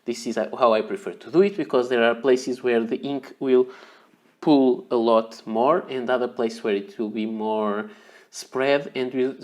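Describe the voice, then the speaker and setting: A man whose first language is Portuguese, speaking with a Portuguese accent, talks through an ink demonstration in a casual, unhurried way, often repeating words while he works. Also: mid-range voice, darkish tone. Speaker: fountain pen ink reviewer.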